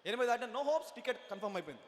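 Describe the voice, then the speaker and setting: A male pastor with a very high voice delivers a sermon. He keeps asking the congregation questions and slips English lines into his preaching. His voice rings with long reverb in a church hall. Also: big pitch swings, very fast. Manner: preaching with rhetorical questions, mixing in English phrases.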